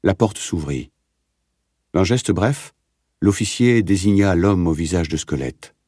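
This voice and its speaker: A man narrating an audiobook in a steady, measured reading. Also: deep voice, husky, no echo, clean studio sound.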